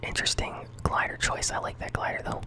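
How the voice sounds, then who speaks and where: A gaming channel host giving whispered ASMR commentary on a game. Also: quick pace.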